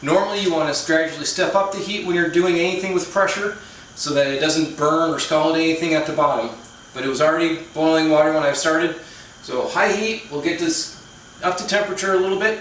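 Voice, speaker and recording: A man talking through a home cooking vlog, slightly high-pitched, with dry, self-mocking humor. He sounds a little away from the mic in a very echoey kitchen, with faint noise underneath. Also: fairly quick, fairly bright tone, recorded from a distance. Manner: dry self-deprecating humor, chatty asides. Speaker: cooking channel host.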